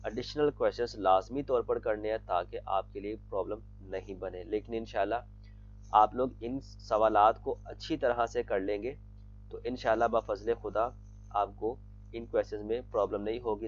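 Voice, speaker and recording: A man's voice: lowish voice, muffled recording. A man patiently teaching vocabulary, often repeating himself and addressing students as children. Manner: patient, repeats "theek hai" and calls students "bete". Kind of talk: explaining vocabulary lesson.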